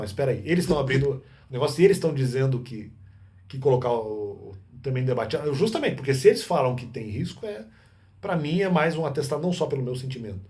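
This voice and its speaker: A man's voice: medium pitch, mellow. A man in an unscripted monologue, rambling with many restarts and self-corrections. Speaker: vlogger.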